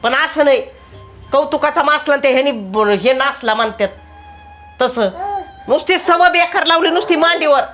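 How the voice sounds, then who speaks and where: A sharp-tongued older mother-in-law, as a woman acts her out. She nags and scolds in a fairly high voice, dropping folk sayings as she goes. Background music runs under the comic family sketch. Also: normal speed. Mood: scolding.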